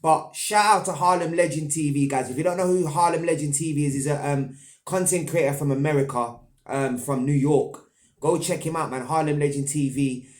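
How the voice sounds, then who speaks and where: A young man talks in a London roadman accent, his voice a little on the high side. He gives casual online commentary full of street slang and tag questions. The sound is noticeably echoey and roomy. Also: steady tone, a little fast, darkish tone. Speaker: host of an online commentary channel.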